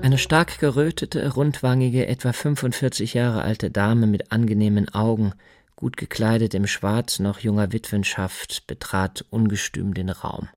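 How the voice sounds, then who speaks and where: Low-voiced male narrator, dry. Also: fairly even intonation, measured pace, a little mellow, no room sound. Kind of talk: literary narration.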